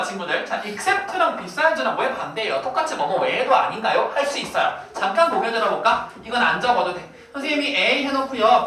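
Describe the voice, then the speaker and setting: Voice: mid-range voice, bright, forceful tone. A teacher giving a playful, teasing vocabulary lesson in a classroom, quizzing the students as they go. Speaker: English teacher. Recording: very echoey room, voice far from mic.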